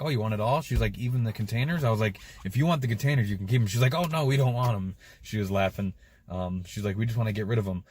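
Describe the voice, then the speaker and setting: A man vlogging casually, telling animated, excitable stories with fillers and laughs, partly recorded outdoors. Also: lowish voice. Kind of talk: casual vlog storytelling.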